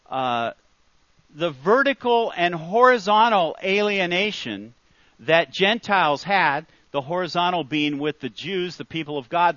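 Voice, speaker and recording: A man's voice: high-pitched, fairly bright tone, no room sound, muffled recording. A man preaching a sermon in an earnest, emphatic way, repeating his key phrases.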